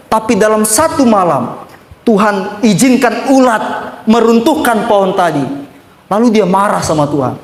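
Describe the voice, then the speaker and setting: A male pastor, preaching emphatically to his congregation, sweeping up and down in pitch and repeating phrases for effect. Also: echoey room. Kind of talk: sermon. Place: church.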